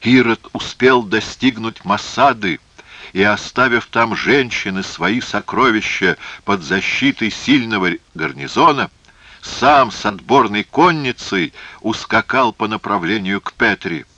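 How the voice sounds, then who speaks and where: A man's voice: lowish voice, a little slow, sharp tone, dry recording, pitched above the performer's own voice. A man voicing a messenger delivering a report.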